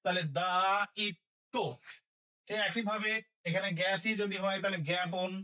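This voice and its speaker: A man with a high voice teaches an online lesson, breaking words slowly into syllables and asking his students question after question. He sounds set back from the microphone. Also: little pitch movement, pushed and bright, recorded from a distance.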